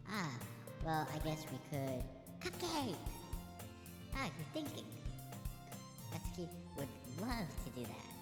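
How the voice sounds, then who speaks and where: A man's voice: high voice, pitched above the performer's own voice, exaggerated voice. A man reading visual novel dialogue and narration aloud, with his voice run through a female voice changer filter. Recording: roomy echo with game music behind.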